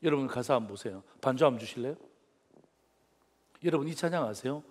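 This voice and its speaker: A man's voice: medium pitch, animated, fast talker. A man pastor delivering a sermon, preaching emphatically and asking the congregation rhetorical questions. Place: church sanctuary. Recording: reverberant church hall with faint music.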